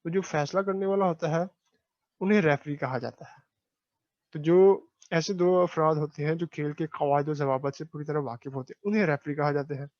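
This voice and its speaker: A man's voice: fairly high pitch, a little mellow, no room sound. Man teaching a lesson in a dry, dull recording. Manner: explains words slowly, asks and answers his own questions. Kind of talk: classroom lecture reading and explaining a textbook.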